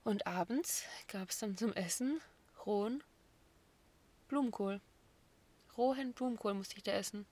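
A woman's voice: mid-range voice, darkish tone. Teasing young woman co-host. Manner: teasing, quick joking interjections. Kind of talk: casual chat.

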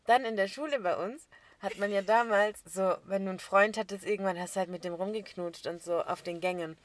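Animated young woman telling a story. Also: medium pitch, fairly quick. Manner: animated storyteller, laughs often, acts out quotes. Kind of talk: casual chat, storytelling.

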